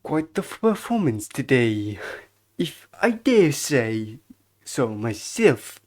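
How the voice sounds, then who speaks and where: A woman's voice: a bass voice, sing-song, takes it slowly, darkish tone, exaggerated voice. A woman voicing a fawning young male hotel bellboy who talks in an obsequious, overly polite way. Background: game music.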